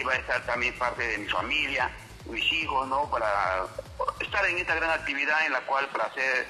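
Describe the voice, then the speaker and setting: A man campaigning for local office speaks on a radio interview. His voice is very bright and forward, with a faint bed of music behind him. He keeps coming back to a set phrase of address for the host. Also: mid-range voice, low-quality recording. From Peru. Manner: repeats a stock address to the interviewer. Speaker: local election candidate.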